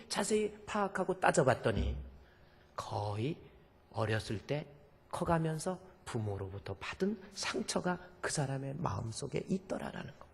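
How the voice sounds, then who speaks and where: A male pastor preaching a sermon, acting out quoted voices dramatically and swinging between shouts and hushed whispers. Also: mid-range voice, vocal fry, slightly rough, in a large hall. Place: church sanctuary.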